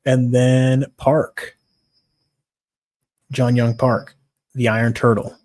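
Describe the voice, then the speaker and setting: A man's voice: medium pitch, a little mellow. A tired young man casually chatting on a livestream, giving fight picks, swearing now and then and greeting viewers by name. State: tired, yawning.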